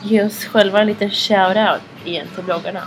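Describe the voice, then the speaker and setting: Young swedish girl chatting on a podcast, tells stories fast, music in the back. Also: mid-range voice, steady tone, low-quality recording. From Sweden. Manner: chatty storyteller, mixes English quotes into Swedish. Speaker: podcast co-host. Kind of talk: casual chat.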